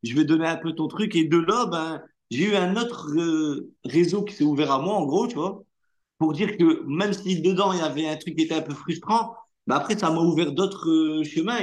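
A man's voice: fairly high pitch, normal speed. A young man, an actor, chatting informally in an interview with loose fillers and restarts. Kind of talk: casual interview chat.

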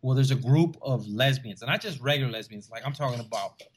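A man from the Rio Grande Valley of Texas talks as a stand-up comedian guest in a relaxed interview. He tells stories in an animated way and slips into the voices of the people he quotes. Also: medium pitch, fast talker, a little hiss or hum. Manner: animated storyteller who acts out quoted voices. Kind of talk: casual storytelling interview.

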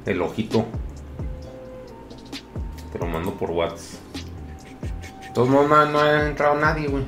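A man's voice: mid-range voice, expressive, moderate pace, fairly bright tone, faint music behind. A man with a Mexican accent chatting casually as a podcast host, with crude slang and teasing frat-bro banter.

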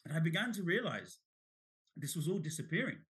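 Speaking fairly quickly in a voice on the high side, a middle-aged man from Bangladesh recounts his story as a guest author in an interview. He's animated, often starting over and saying words twice.

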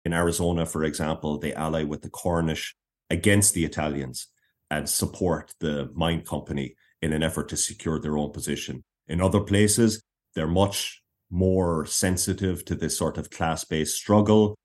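A man with a deep, low-pitched voice talks as an interview guest. He tells history in a measured way, laying out points in short phrases. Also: steady tone, a little mellow. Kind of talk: explanatory interview talk.

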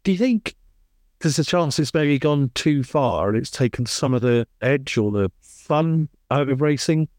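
A man's voice: medium pitch, lively intonation, measured pace, a little mellow, dry recording, clean studio sound. A man co-hosting a podcast, asking a long question with some hesitant restarts. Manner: hesitant, stumbling over his words while asking. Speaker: podcast co-host. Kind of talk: casual interview chat.

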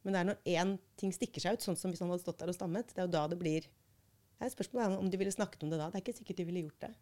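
A woman reading a book passage aloud and talking it through in a measured, thoughtful way as a podcast host. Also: on the low side, mellow.

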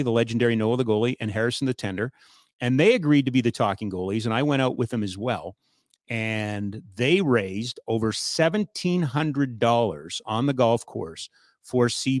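A man's voice: mid-range voice, dry recording. Chatty man hosting a radio show, dry sound. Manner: joking, chatty, loose with fillers. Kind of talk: casual radio chat and sponsor reads.

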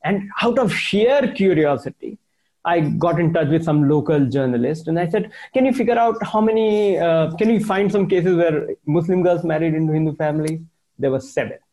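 A man with a North Indian accent speaks in a high-set voice with a mellow, relaxed tone. He answers conversationally, as in an interview. He stresses points by repeating phrases and mixes Hindi into his English. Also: normal speed, rough recording. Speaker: interviewed journalist and author.

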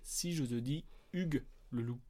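A man's voice: mid-range voice, moderate pace. A man hosting a casual movie quiz podcast, teasing and joking with his co-host. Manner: teasing, jokey, lively swings in tone. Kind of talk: playful casual chat.

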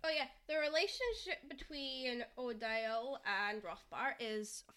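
A woman co-hosting a podcast in casual chat, animated and laughing often as she retells scenes. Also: high voice, measured pace. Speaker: podcast co-host.

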